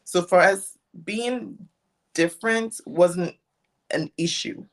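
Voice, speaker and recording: A woman's voice: fairly low pitch, takes it slowly. A young woman from Ghana, a guest sharing her story in a casual interview, thoughtful and rambling. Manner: reflective, rambling with restarts. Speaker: guest content creator.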